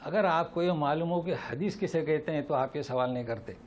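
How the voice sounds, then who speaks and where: A male religious teacher leads a Quran lesson, his voice sitting fairly high. He presses each point with emphasis and answers his own rhetorical questions. A faint hiss runs behind him. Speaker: Islamic teacher.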